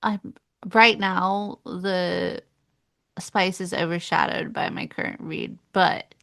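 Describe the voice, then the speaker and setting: A woman co-hosting a podcast, talking about books in a sarcastic, drawn-out way with laughing asides. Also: on the low side, steady tone, gravelly, fairly bright tone. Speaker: podcast co-host. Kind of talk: casual book chat.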